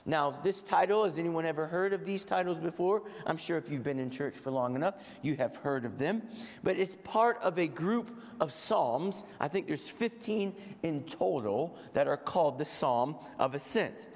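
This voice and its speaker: With a head cold roughening his already gravelly voice, a man preaches to a congregation in a large room with long reverb. His pitch is a little high and his intonation lively, while his pacing stays measured and he repeats phrases for effect.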